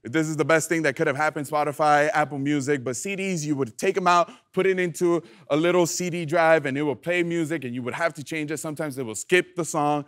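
A young man preaching a youth sermon, lively and playful, calling on the audience to answer back. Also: a little high, fairly quick, hardly any pauses. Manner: animated, playful, calls for audience response. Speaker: youth pastor.

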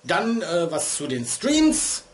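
A man in his thirties vlogs and streams from a small home room lit by LED strips, rambling casually with a digressive, chatty style and poking fun at himself. His high-sitting voice swoops wildly in pitch, he speaks slowly, and a cold leaves him sounding a little stuffy.

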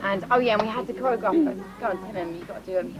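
A woman's voice: medium pitch, very fast, crowd noise, poor audio. Give me a teasing young woman chatting to a camcorder on a video shoot. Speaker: pop singer on a video shoot. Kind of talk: casual behind-the-scenes chat.

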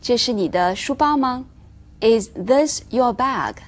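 Woman teaching English in a clear, measured voice. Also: fairly high pitch, animated. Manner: clear, measured explanation, slowing down for English examples. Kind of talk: recorded English lesson for Chinese learners.

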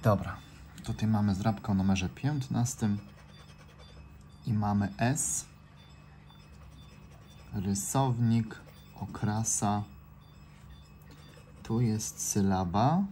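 A man calmly reading out letters and words one by one as he scratches off lottery cards, indoors by an open window. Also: fairly low pitch, very slow, long pauses. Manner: reads out letters and words one by one in a calm, steady drone. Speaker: scratch-card vlogger. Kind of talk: casual scratch-off commentary. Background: faint noise through an open window.

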